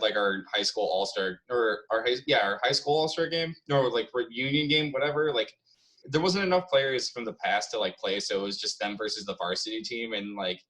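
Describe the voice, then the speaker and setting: A man's voice: mid-range voice, a bit bright, low-quality recording. A young man from the Chicago area, a podcast co-host telling stories in casual chat, laughing often and swearing freely. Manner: laughing storyteller, heavy swearing.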